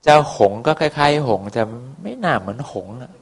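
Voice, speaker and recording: A man's voice: medium pitch, lively intonation, a little fast. A man telling a folk tale in a casual, rambling way, with many fillers and coarse words. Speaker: storyteller.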